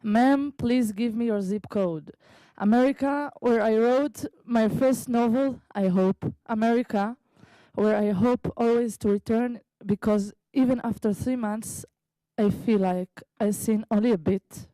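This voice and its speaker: A woman from Israel, a native Hebrew speaker, slowly reading her own prose poem at an open mic in a library meeting room, with halting asides. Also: on the high side, dark tone, no echo, rough recording. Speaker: visiting writer reading her piece.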